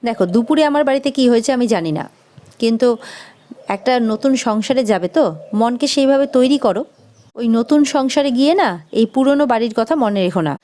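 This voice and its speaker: A woman's voice: on the high side, brisk, dark tone, natural voice. A woman voicing a stern middle-aged family head who lectures in a reproachful way.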